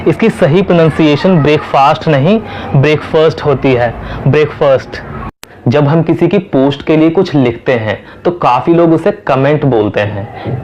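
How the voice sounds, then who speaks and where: A man with an Indian accent teaching an English lesson, explaining in Hindi and repeating each English word slowly to drill it. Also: fairly high pitch, a little mellow, lo-fi sound, a little hiss or hum. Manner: switches between Hindi and slow, careful English.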